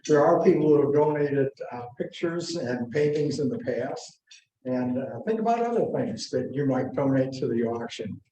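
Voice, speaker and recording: Man with a mellow tone giving club announcements, hesitant, roomy hall with faint noise. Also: medium pitch, lively intonation, normal speed. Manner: plain, hesitant with fillers. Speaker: club member making announcements. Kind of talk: casual announcements.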